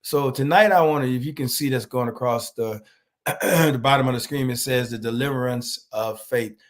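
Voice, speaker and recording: A pastor with a mid-range voice preaches online, hoarse and a little nasal because of a cold. He greets viewers by name and speaks slowly, with a halting rhythm.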